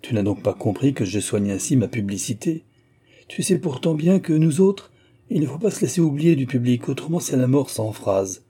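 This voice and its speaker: A man reading an audiobook, voicing a chatty, brash young woman film star who complains in lively slang, with a husky voice. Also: medium pitch, moderate pace, natural voice. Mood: exclaiming.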